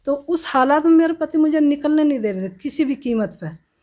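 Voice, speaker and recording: A woman telling her own life story as a testimony in an interview, in a plain, halting way with many restarts. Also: high-pitched, animated, darkish tone. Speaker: testimony giver.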